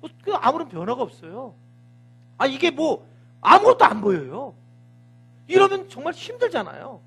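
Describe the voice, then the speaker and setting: High-voiced, lively Korean pastor preaching. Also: male voice, moderate pace, gravelly. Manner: vivid storytelling with sound words and acted dialogue. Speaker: senior pastor. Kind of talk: Sunday sermon.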